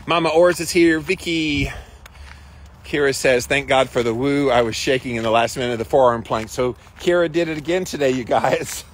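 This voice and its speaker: A man's voice: mid-range voice, normal speed, slight background noise. A man hosting a casual livestream, reading out and answering viewer comments in an encouraging, emphatic, colloquial way. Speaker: livestream host of a daily ice bath challenge.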